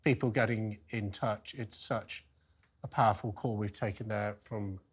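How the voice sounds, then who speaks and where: A man hosting a radio phone-in, interviewing a caller in a measured, sympathetic way. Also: on the low side, steady tone, husky. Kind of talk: live call-in interviewing.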